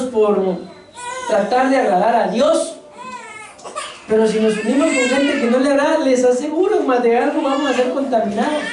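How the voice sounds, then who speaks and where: A woman's voice: high-pitched, darkish tone, slight background noise. Woman preaching in an echoing hall. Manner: asks the congregation questions, jokes between points. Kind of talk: church sermon. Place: church hall. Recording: very echoey church hall, mic far off.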